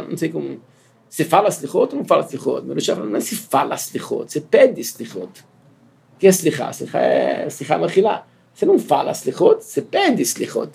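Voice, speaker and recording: A man's voice: fairly high pitch, gravelly, a little mellow, breathy edge. A man teaching as a yeshiva rabbi, earnest and repetitive, asking his students rhetorical questions and weaving in Hebrew terms. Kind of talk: Torah lesson to students.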